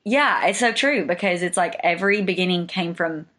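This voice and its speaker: A woman's voice: lowish voice, normal speed, fairly bright tone. A young woman in casual conversation, talking freely with lots of filler and laughter. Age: young adult. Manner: chatty, lots of likes and laughs. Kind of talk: casual chat.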